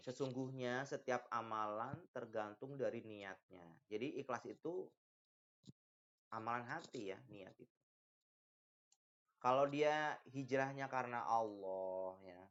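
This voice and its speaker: Man, children's religion teacher, storytelling, muffled lo-fi sound. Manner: animated, pitch jumps up for emphasis. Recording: dull lo-fi recording.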